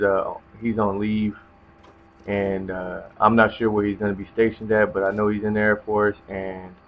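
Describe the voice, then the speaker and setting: A young man giving casual gameplay commentary in a rambling, hesitant, laid-back way. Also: fairly low pitch. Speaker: gamer commentator. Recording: dull lo-fi mic with loud noise.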